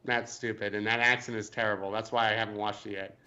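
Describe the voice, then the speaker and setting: A man's voice: lowish voice, level tone, fast, pushed and bright, muffled recording. A man co-hosting a casual sports podcast, hesitant and joking, often restarting his sentences. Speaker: podcast co-host.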